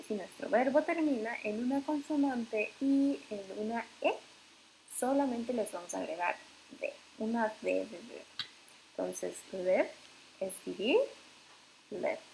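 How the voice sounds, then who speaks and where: A woman teaching English grammar in Spanish, explaining slowly and patiently, with frequent fillers and self-corrections. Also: mid-range voice, gravelly, a little hiss or hum, rough recording.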